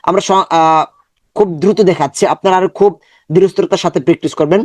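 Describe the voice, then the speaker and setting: A man's voice: high-pitched, fairly even intonation, fast talker, a little mellow, dry recording. A man with a Bangladeshi Bengali accent teaching an online Quran reading lesson, drilling Arabic syllables one by one between explanations.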